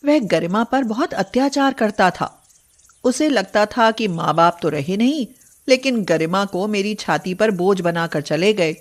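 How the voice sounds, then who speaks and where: A woman's voice: medium pitch, expressive, unhurried. A woman narrator reading a scripted moral story.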